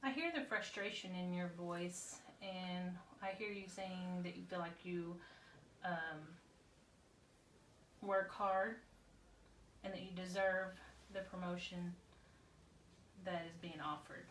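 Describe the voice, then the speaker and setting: A woman playing a calm, attentive therapist in a role-play, speaking in a measured, reflective way. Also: fairly low pitch, recorded from a distance, lightly acted. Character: calm, attentive person-centered female therapist. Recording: roomy echo with faint noise.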